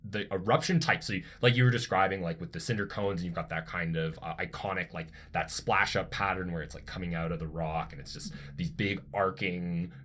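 A man with a very low, deep voice talks through a science topic in relaxed conversation. He explains eagerly and drifts into side thoughts as ideas strike him, like a co-host chatting with a friend. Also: a little fast, few pauses. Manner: enthusiastic, digressive explainer. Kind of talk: casual educational chat.

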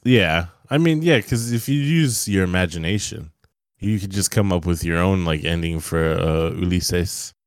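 A young man talks movies with a laid-back, profane, rambling manner. His voice sits very low and comes across smooth and resonant. The sound is close and dry, with no room around it. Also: moderate pace, dry recording. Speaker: podcast co-host. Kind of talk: casual movie-review chat.

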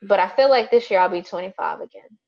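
A woman's voice: mid-range voice, animated, fast, gravelly, a little mellow, muffled recording. Rambling, frank woman in her thirties. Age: 30s. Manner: rambling, frank, swears, many fillers. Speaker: podcast co-host. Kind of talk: casual chat.

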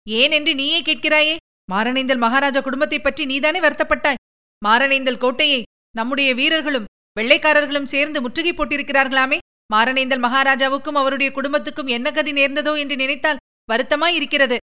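A woman's voice: sits high, steady tone, fairly quick, bright, forceful tone, pitched above the performer's own voice. A woman voicing a restless lovesick young princess. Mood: troubled. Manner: pleading, emotional.

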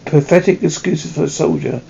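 A man's voice: on the high side, brisk, vocal fry, mellow, lo-fi sound, a little hiss or hum. A man playing a stern army major who runs a prison camp, curt and contemptuous. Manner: curt, scornful.

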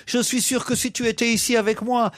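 A man's voice: very high voice, flat delivery, fairly quick, a bit bright, voice pushed up. A man voicing a frail, lonely old Corsican father in a joke he tells on the radio, in a plain voice with no accent. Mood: sad. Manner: plain voice, admits he cannot do the accent.

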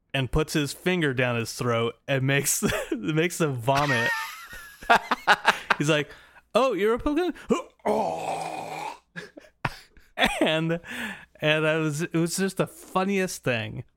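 With a fairly high pitch and fairly bright tone, an American podcast co-host spins a rambling travel tale full of laughter and restarts. The casual storytelling chat is recorded dry, with clean studio sound.

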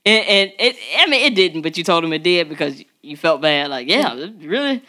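An animated woman co-hosting a podcast, chatting casually and laughing often. Her voice is bright and forward, with a lively, forceful edge. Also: lowish voice, normal speed. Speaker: podcast co-host. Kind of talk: casual chat. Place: podcast studio.

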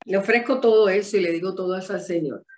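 A woman's voice: medium pitch, fast talker. A woman gives a testimony and sermon, telling her story vividly and acting out the dialogue. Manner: animated storytelling, acts out dialogue. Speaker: preacher.

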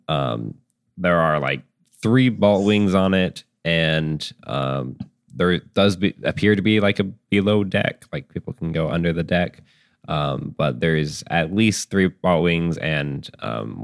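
A man with a very low voice runs a tabletop game, stopping and starting with plenty of ums and likes. The sound is close and dry, with no room around it. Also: creaky, dry recording. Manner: halting, full of ums and likes. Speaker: game master.

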